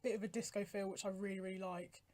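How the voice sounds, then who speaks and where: A British woman co-hosting a podcast, chatting casually with lots of fillers and agreeing, her voice often trailing off softly. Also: medium pitch, little pitch movement, fast. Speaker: podcast co-host. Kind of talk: casual chat reviewing songs.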